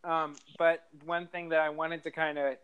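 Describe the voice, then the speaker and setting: A man's voice: a little high, little pitch movement, moderate pace, clean tone, narrow, tinny audio. A man co-hosting a podcast over a call, telling stories in a rambling, hesitant way with lots of fillers. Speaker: podcast co-host. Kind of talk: casual chat.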